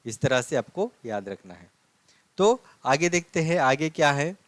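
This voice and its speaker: A man's voice: fairly high pitch, big pitch swings, unhurried, no echo. A man teaching a language lesson, patiently repeating points and answering his own questions. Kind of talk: classroom lesson explaining script.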